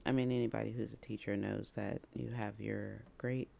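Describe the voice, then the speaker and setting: Gravelly-voiced woman in a casual chat. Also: a bass voice, flat delivery, normal speed, warm tone. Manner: apologetic, playful, laughs easily. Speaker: podcast co-host, teacher.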